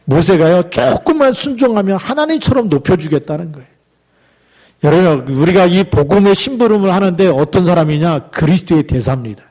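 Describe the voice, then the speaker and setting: A middle-aged male pastor delivering a sermon, exhorting the congregation with rhetorical questions and reading scripture aloud slowly for emphasis. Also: sits high, animated, darkish tone.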